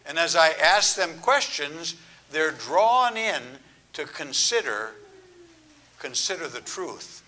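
An older man, a grandfather, preaching a sermon in an earnest, measured way, letting phrases trail off softly. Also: a little high, animated. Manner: earnest, measured, drawn-out phrasing with soft, hushed endings. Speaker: pastor. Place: church.

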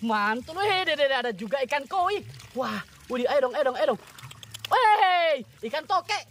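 A vlogger giving excited outdoor commentary while wading in a muddy pond, full of chanted exclamations and constant calls to the viewers, dropping to a hush when asking for quiet. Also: high-pitched, a little fast, slight background noise. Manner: keeps addressing viewers as "guys" and "friends". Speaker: fishing and animal-catching vlogger.

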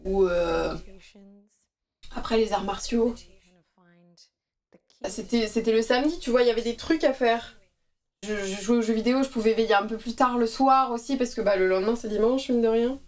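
A woman's voice: on the high side, normal speed, long pauses, far from the mic. A tired woman in her thirties, a streamer chatting casually and rambling with lots of fillers while doing yoga at home. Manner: chatty and rambling, many fillers and asides to viewers. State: tired from night feedings. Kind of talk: casual live-stream chat.

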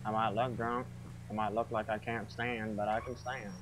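Brief: man doing a tipsy old codger with a drawl, blustering, low-set voice, game role-play. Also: flat delivery, normal speed, background noise, close to an everyday voice. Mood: boastful.

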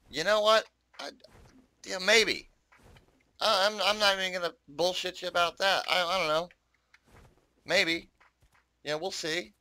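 A man's voice: on the high side, pushed and bright, dry recording. A man giving casual, rambling commentary on his own gameplay, chatting to viewers and swearing often. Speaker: gaming YouTuber.

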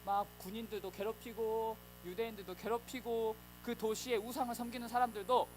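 Animated preacher telling children a story. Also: medium pitch, a little fast, a little hiss or hum, poor audio. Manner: animated storytelling, acts out voices. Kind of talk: children's sermon.

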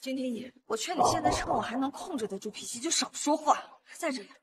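A woman's voice: high voice, expressive, brisk, slight background noise. A young woman playing a vengeful, coolly assertive wife in a short melodrama. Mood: cold defiance. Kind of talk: melodramatic short-drama acting.

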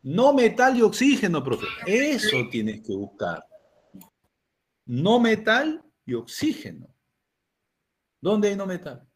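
A man's voice: sits high, wildly swooping pitch, slow pace, long pauses, background noise. An older man with a Peruvian Spanish accent teaching a chemistry class, asking students questions and answering them himself. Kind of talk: classroom lecture.

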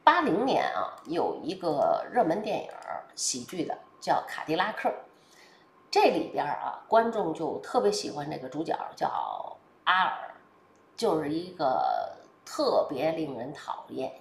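Lively woman with a twang. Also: low-pitched, creaky. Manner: lively, chatty, colloquial, with frequent hesitations. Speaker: political commentator. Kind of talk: casual spoken commentary. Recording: roomy echo.

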